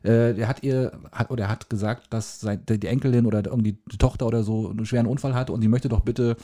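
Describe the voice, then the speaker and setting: A man co-hosting a casual podcast chat, laughing along and chiming in with quick remarks. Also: medium pitch, steady tone, dark tone. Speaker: podcast co-host.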